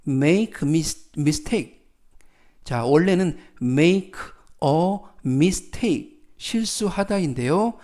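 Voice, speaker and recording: A man teaching English phrases in a calm, methodical lesson, often repeating key words and example sentences. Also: on the high side. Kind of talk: slow explanatory lesson.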